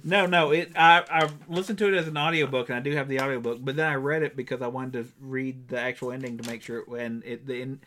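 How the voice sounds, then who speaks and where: Bright-voiced man chatting enthusiastically. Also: mid-range voice, level tone, fast, few pauses. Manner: enthusiastic, rambling with restarts. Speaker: podcast co-host. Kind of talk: casual chat.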